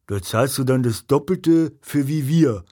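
A man's voice: mid-range voice, expressive, measured pace, warm tone. A male audiobook reader voicing a grumpy, mustached husband on holiday who grumbles his answers.

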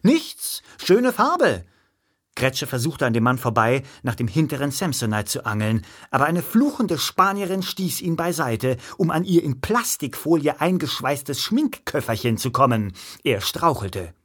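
Brief: male narrator for a comic audiobook, wry and lively in pitch. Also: normal speed, hardly any pauses, slightly rough. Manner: expressive, wry storytelling.

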